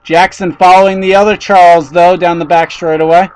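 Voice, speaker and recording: A man with a high voice calling a race play-by-play. He reels off positions and names, then gets excited and loud when cars bang together. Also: fairly quick, smooth, dry recording, low-quality recording. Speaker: race commentator. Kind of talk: play-by-play commentary.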